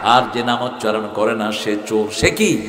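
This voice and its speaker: A man preaching a sermon. He swings from loud, rising questions to the crowd down to quiet asides, and slows to chant verses. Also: lowish voice, heavy background noise. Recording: echoey hall with long reverb.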